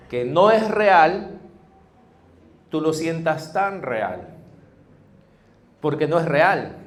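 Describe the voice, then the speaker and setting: A male pastor with a Peruvian Spanish accent, preaching a conversational sermon with frequent tag questions and repeated phrases. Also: mid-range voice.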